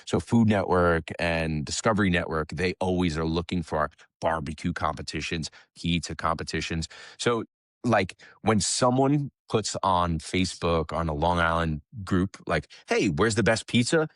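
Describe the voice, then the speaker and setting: Low-voiced New man chatting. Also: normal speed, no echo, studio quality. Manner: relaxed, conversational, swears casually. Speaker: guest, pizzeria owner. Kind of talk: casual podcast chat.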